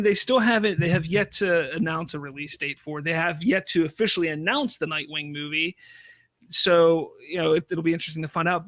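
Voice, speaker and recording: A man hosting a podcast, chatting casually about film news in a halting way with repeated restarts. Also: fairly high pitch, bright, forceful tone, dry recording. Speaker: podcast host.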